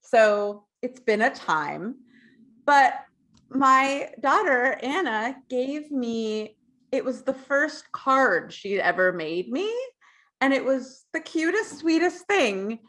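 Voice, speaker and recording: Bubbly young mom co-hosting. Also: female voice, high voice, lively intonation, slow, a bit bright. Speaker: podcast co-host. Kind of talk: live podcast chat.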